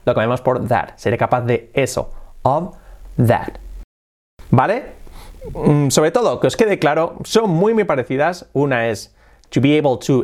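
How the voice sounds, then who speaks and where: Lively man teaching English. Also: mid-range voice. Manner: explanatory, repeats examples slowly, lively intonation. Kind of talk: casual video lesson.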